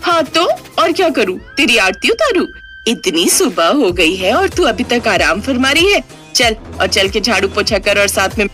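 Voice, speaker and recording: A woman voicing a spiteful, bossy aunt who scolds loudly and sobs for show. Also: sing-song, normal speed, faint music behind. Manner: shrill scolding, fake sobbing.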